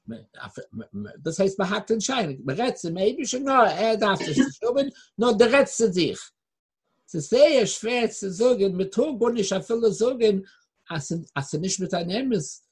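With big swings in pitch, a moderate pace, and a breathy edge, a Torah teacher lectures on religious matters, citing Hebrew and chanting blessings. He alternates between low murmurs and emphatic, loud bursts.

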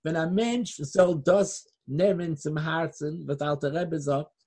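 Speaking slowly in a slightly rough voice, a Torah teacher gives a religious lecture filled with Hebrew quotations and chanted blessings, moving from low murmurs to loud, emphatic outbursts.

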